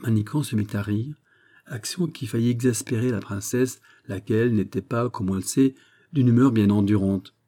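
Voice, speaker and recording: A man narrating a classic novel as an audiobook, in a measured, subdued way. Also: fairly low pitch, mellow. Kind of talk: scripted narration.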